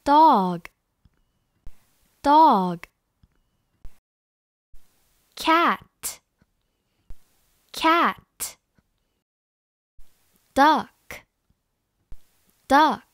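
Woman reading words aloud very slowly. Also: sits high, animated, no echo, studio quality. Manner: says each word or phrase twice, clearly and with exaggerated expression. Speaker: English reading teacher. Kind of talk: slow read-aloud drill for repeat-after-me practice.

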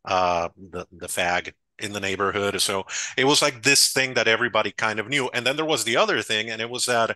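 This is a Costa Rican man, a guest writer, telling stories on a video call. He is amused by his own tales, and his voice is bright and forceful. The sound is dry and close, picked up by a headset. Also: on the low side, brisk, no echo. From Costa Rica. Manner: warm storytelling, self-amused, gestures while talking. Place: home room, video call.

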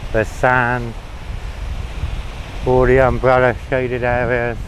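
A man's voice: medium pitch, slow pace, rough recording. Chatty man walking a windy beach. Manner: chatty, relaxed running commentary. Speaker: travel vlogger. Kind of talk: walk-and-talk travel vlog. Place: outdoors on a windy beach promenade. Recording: wind and outdoor noise on the mic. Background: sea, wind and passing traffic.

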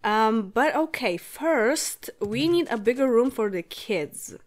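Unhurried, higher-voiced woman playing a game. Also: lively intonation. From Poland. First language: Polish. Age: late 20s. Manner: chatty, thinks aloud, giggles often. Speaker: gaming channel host. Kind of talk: let's play commentary.

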